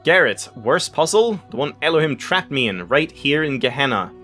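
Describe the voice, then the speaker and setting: Fairly high-pitched and very animated, this man speaks at a moderate pace with a sharp tone. He's hosting a let's play, reading the game's text aloud with offhand remarks, sometimes tripping on unfamiliar words and self-correcting over game music.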